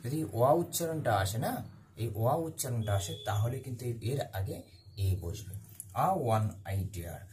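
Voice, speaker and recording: Mellow-voiced man teaching grammar. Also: mid-range voice, sing-song, normal speed, slight background noise. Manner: repeats key words, asks and answers his own questions. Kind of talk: classroom-style grammar lesson.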